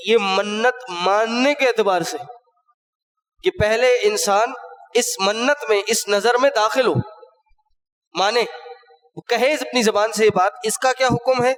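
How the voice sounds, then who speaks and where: A man's voice: high voice, a bit bright. Male preacher, Friday sermon, question-and-answer teaching style, long hall reverb. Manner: explains rulings step by step, posing and answering his own questions. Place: mosque.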